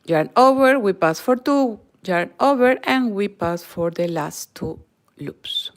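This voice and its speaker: A Peruvian woman in middle age hosts a live crochet tutorial, using careful non-native English with the accent of a native Spanish speaker and often slipping into a near whisper. She speaks at a medium pitch, expressively and slowly.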